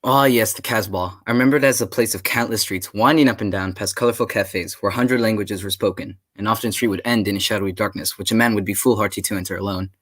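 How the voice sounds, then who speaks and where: Man playing quick-talking, low-voiced Doctor Watson. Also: fairly even intonation, fairly bright tone. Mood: genial, reminiscing. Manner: courteous, old-fashioned phrasing. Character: Doctor Watson, genial English gentleman storyteller. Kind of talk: radio drama narration and dialogue.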